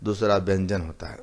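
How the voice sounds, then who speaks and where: Slow, lively-voiced male teacher. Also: sits low. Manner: explains slowly, repeating terms and giving examples. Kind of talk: recorded classroom lecture.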